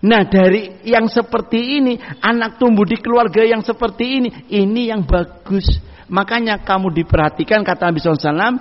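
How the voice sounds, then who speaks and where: Guy preaching, high voice, arabic quotes, dull echoey hall sound. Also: a little fast. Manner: homely advice mixed with Arabic quotes. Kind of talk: sermon.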